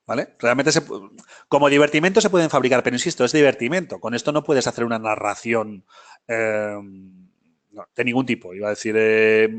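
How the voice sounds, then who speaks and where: A man teaching a film history class live, talking casually, often checking in with his students and correcting himself as he goes. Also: mid-range voice. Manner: many fillers and self-corrections.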